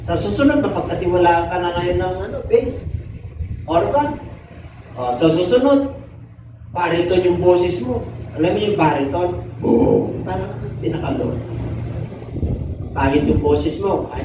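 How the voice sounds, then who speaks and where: A man's voice: sits high, noisy background. Filipino male pastor preaching in an echoey hall. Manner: mixes Tagalog with English, asks the congregation questions. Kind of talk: sermon. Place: church hall. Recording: echoey distant muffled live recording.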